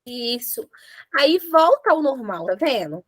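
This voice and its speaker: A woman with a Brazilian Portuguese accent teaches English grammar in a classroom lesson, explaining things in a playful, animated way at a measured pace. Her voice is high, and the recording is dry and close with no room sound.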